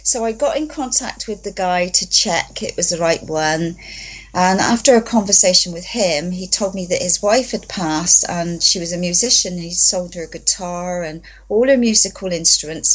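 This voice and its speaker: A woman from England with a husky, slightly low voice tells her story as a guest in an interview. She is chatty and enthusiastic and often acts out what others said. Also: moderate pace, fairly bright tone, rough recording. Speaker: guest, voice therapy practitioner.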